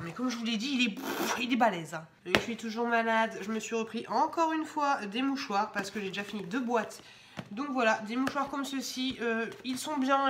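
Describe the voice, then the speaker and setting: Her voice sits high with a fairly bright tone, and there's slight background noise as she talks. Stuffy from a cold, this young vlogger goes through her shopping haul at home, chatting loosely and often restarting or using fillers.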